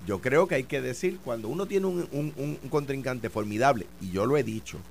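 A man's voice: mid-range voice, animated, brisk, vocal fry, slight background noise. A man with a Puerto Rican accent in a heated political debate, insistent and repeating his points to press them. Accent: Puerto Rican Spanish. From Puerto Rico. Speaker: political commentator, former governor.

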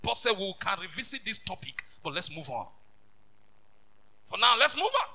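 Brief: bishop preaching, very high and sharp voice, emphatic, repeats himself, builds to shouts. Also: male voice, big pitch swings, moderate pace, low-quality recording. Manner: emphatic, repetitive, rising to shouts. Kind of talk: sermon.

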